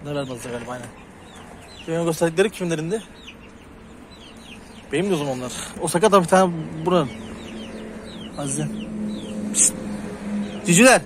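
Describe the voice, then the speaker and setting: A man with a high voice talks casually to his viewers while he tends his poultry outdoors. Clucking hens and crowing roosters are clearly heard around him, and he keeps breaking off to call to the animals. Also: animated, brisk, pauses often. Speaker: hobby farm vlogger. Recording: noisy outdoor farmyard recording. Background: chickens, roosters and birds.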